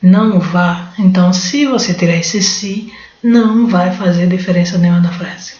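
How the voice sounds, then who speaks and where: A woman's voice: lowish voice, normal speed, warm tone. A Brazilian woman teaching exam-prep Portuguese, working through questions in an informal, thinking-aloud way with frequent restarts. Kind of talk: spoken lesson going through exam questions. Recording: roomy, dull lo-fi recording.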